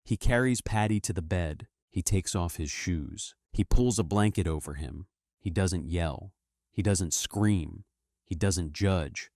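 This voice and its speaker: A man narrating a film recap in a steady, dramatic storytelling manner. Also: low voice, a little slow, no echo, studio quality. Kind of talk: scripted narration.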